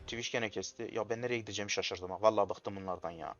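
A young man commentating his own gameplay, excitable and quick to frustration, shouting at his teammates. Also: on the low side, dull audio. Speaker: gamer streaming gameplay. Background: game music.

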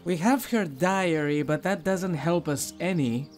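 A man with a fairly high voice gives casual playthrough commentary. He thinks aloud and reacts to the game, with game music faintly behind him. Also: a little slow, darkish tone. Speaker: gaming video host.

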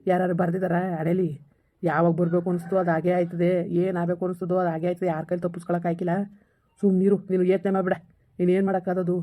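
A woman's voice: fairly low pitch, flat delivery, rapid-fire, warm tone, close to an everyday voice. A woman playing a blunt older village woman who reproaches her co-mother-in-law. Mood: consoling.

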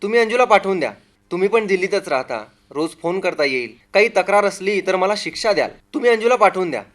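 A cold, demanding husband in an old-fashioned radio drama. He talks quickly in a raised pitch, hard and insistent. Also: expressive, fairly bright tone. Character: menacing, demanding young husband, cold and self-righteous. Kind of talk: radio play acting, old radio show manner.

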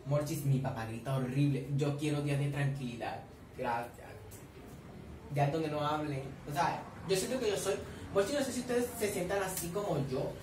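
A young Colombian man chatters through a reaction video, gossipy and animated, teasing his viewers as he goes. He sits back from the mic in an echoey room, and a faint hiss runs underneath. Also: a little high, normal speed, distant mic. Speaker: reaction vlogger. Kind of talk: casual reaction commentary. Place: at home with family nearby.

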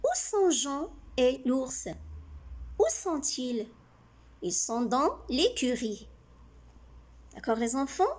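A woman teaching young children speaks slowly in a high voice. She reads a story aloud and keeps stopping to explain words, repeating and rephrasing them. She asks the class questions and then answers them herself. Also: sing-song.

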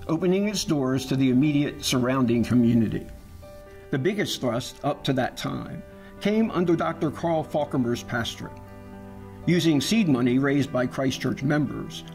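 A man giving calm, measured scripted narration for a church history documentary. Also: fairly high pitch.

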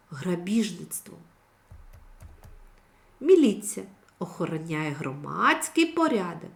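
Woman teacher doing a kids' video lesson, slow and clear, lots of up and down in her voice. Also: mid-range voice, a little mellow. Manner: slow, clearly articulated, instructive. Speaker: primary school teacher.

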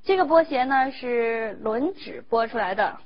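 Female music teacher, higher voice, measured explanatory delivery; dull recording, faint instrument behind. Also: lively intonation. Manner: measured, explanatory, demonstrates between phrases.

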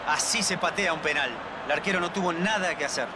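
A man's voice: fairly high pitch, quick pace, natural voice. A man playing a video game football co-commentator, giving analytical remarks over stadium noise. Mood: matter-of-fact. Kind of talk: quick analytical sports commentary. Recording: clear stadium noise behind.

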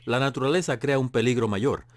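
A male news reporter delivers a steady, measured voice-over for a science story, with a voice of ordinary pitch. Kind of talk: scripted news narration.

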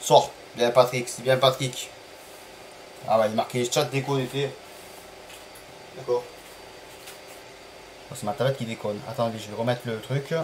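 A man streaming a football management game live, chatting to viewers, apologizing for stream bugs and calling plays with bursts of excitement. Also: medium pitch, normal speed, long pauses, a little hiss or hum, rough recording. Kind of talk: live gameplay commentary.

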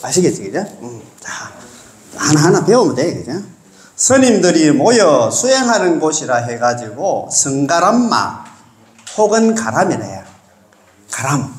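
A man, a Buddhist monk, teaches a class in a casual lecture style with a lilt. His voice sits fairly high and swings up and down a lot. He keeps asking his listeners to agree, and the room adds a clear echo. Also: sing-song, measured pace, slight background noise.

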